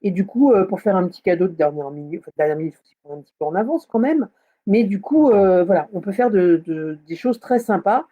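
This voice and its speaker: A woman's voice: mid-range voice, animated, fast talker, husky. A woman hosting a casual live craft tutorial, chatting with many fillers and hesitations. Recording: slightly dull lo-fi sound.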